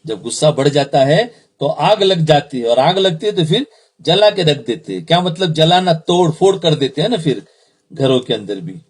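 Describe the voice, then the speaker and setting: A man's voice: on the high side, very animated, breathy edge. A man, an Islamic preacher, giving a sermon, repeating phrases and asking the audience questions.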